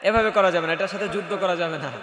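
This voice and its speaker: A man's voice: high-pitched, fairly even intonation, rapid-fire, fairly bright tone, roomy sound, big-room sound. A man teaching pronunciation, repeating each letter and coaxing listeners to say it after him.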